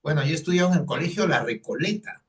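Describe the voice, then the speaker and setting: Recorded from a distance, this man speaks fast in an animated voice on the high side. He's an economist in his sixties from Lima, Peru, with a Lima Spanish accent, recounting his life earnestly in a personal interview and using many fillers.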